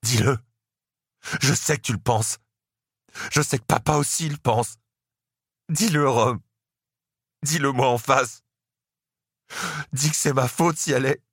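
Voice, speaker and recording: A man's voice: unhurried, long pauses, a bit bright, slightly rough, no room sound, clean studio sound. A man voicing a guilt-ridden young man who pleads with his brother through tears in an audiobook. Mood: accusing. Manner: pleading, voice pushed high. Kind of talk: audiobook character voice.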